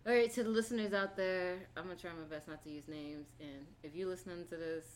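Low-voiced woman speaking frankly. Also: steady tone, fast talker, slight background noise. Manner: candid, frank, trails off into asides. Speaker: podcast co-host. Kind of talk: casual podcast chat.

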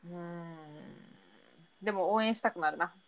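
A woman's voice: on the low side, moderate pace. A young woman with a Kansai accent, co-hosting a casual, playful podcast chat. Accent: Kansai Japanese. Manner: animated, playful banter. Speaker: podcast co-host.

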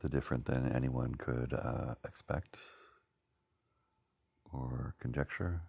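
A man musing slowly and haltingly, searching for words with many pauses and fillers. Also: very deep voice, steady tone, vocal fry, a little mellow, slightly rough, no room sound. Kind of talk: rambling reflective talk.

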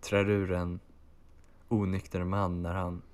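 Slightly low man, theatrically overwrought. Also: flat delivery, slight background noise. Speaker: podcast co-host. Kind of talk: melodramatic comic chat. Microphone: video call.

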